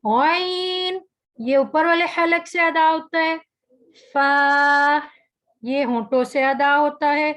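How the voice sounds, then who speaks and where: High-voiced woman teaching letter sounds slowly. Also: steady tone, a bit bright, low-quality recording. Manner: slow, careful pronunciation of each letter; explaining patiently with drawn-out letter sounds. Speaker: Quran recitation teacher. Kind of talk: online tajweed lesson.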